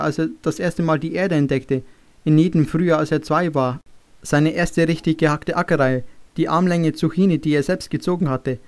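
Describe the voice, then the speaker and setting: A man reading a German youth novel aloud as audiobook narration, steady and even. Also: fairly high pitch. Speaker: audiobook reader.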